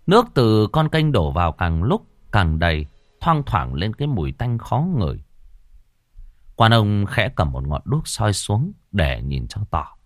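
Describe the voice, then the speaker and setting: A man narrating a scripted horror story in a dramatic, dark storytelling manner. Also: lowish voice, no room sound, studio quality.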